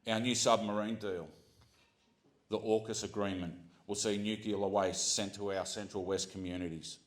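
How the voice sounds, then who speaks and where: Earnest Australian man, low voice. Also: fairly even intonation, moderate pace. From Central Coast of New South Wales, Australia. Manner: earnest, with frequent ums and restarts. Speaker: community speaker. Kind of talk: prepared public speech.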